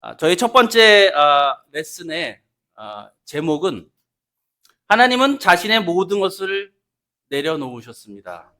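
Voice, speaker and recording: A man delivers a Sunday sermon in a church sanctuary, his voice pitched high and his tone bright and forceful. He keeps asking the congregation questions and gives the quoted speech in the text a voice of its own. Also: sing-song, a little slow. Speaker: preacher.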